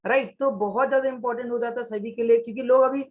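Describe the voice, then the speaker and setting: A man's voice: extremely high pitch, fairly even intonation, fast talker, muffled recording. A man speaking on a webinar panel in mixed Hindi and English, with some hesitant fillers. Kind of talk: panel talk.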